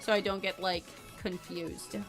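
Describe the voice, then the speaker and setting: Music plays in the background as a woman draws on stream and casually chats with her viewers, rambling bubbly, repeating herself, and giggling. Her voice is fairly low, level in tone, and unhurried.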